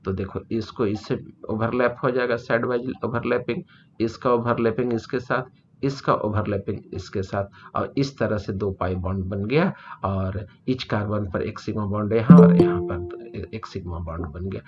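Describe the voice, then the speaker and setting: A man lecturing on chemistry, reading English definitions slowly and explaining them in Hindi. He checks in with students often. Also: on the low side, darkish tone, muffled recording, faint music behind. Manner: explanatory, repeats "ठीक है" often to check understanding. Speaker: chemistry teacher.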